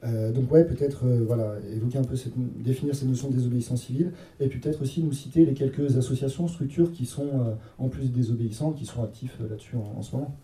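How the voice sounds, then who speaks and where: A man's voice: mid-range voice, fairly even intonation, fast, few pauses, mellow. A man moderating a panel discussion, informal and joking, with many hesitations. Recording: echoey room from a distance.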